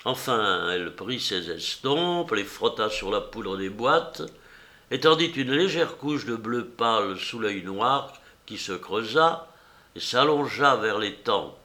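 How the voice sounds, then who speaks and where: A man reading a novel aloud as narrator, in a measured, steady storytelling manner. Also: on the low side. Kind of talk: audiobook reading.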